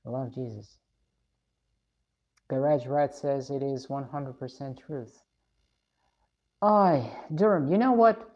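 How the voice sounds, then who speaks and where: A woman's voice: rumbling low, slow, long pauses, dull audio. A woman from Russia, live streaming, reading viewer comments and giving blunt, opinionated views.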